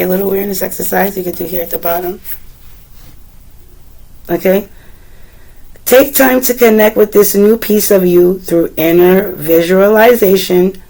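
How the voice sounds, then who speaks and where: A woman tarot reader, still recovering from a cold, speaks gently in a deep, slightly rough voice, meandering as she addresses the viewer. Her casual reading is partly read aloud from a guidebook, and the audio quality is poor.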